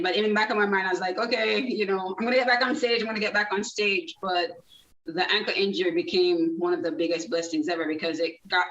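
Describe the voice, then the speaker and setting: A woman's voice: lowish voice, fairly bright tone. A woman in her thirties from Jamaica, guest in an interview, telling her story in a chatty way with many fillers and restarts. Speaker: guest, nonprofit founder. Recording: distant, dull, roomy sound.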